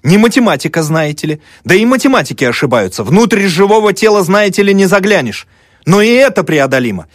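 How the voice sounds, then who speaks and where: A man's voice: high-pitched, sing-song, brisk, no echo, clean studio sound, pitched above the performer's own voice. A man reading an audiobook who voices a defensive, flustered young male student doctor, lecturing in a raised, strained voice. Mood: indignant. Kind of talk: audiobook character voice.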